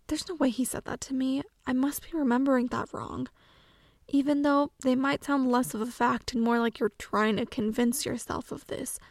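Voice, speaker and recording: High-voiced earnest woman explaining. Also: no echo, studio quality. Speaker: vlogger giving self-help advice.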